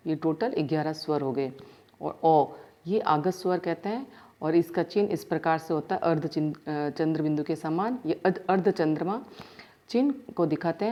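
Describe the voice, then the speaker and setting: A woman school teacher, giving a grammar lesson and sounding out letters one by one. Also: deep voice. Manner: explains step by step, sounds out letters slowly. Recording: dull lo-fi sound.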